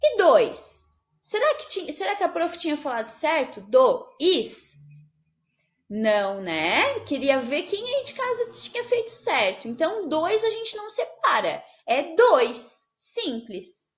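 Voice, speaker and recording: Lively high-voiced teacher woman. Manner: slow, sing-song teacherly phrasing, spelling out syllables. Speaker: primary school teacher. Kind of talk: remote class lesson.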